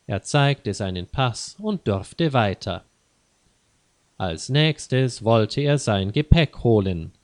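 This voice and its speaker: A man narrating a scripted story slowly and carefully, clearly spaced, for language learners. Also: medium pitch, no echo.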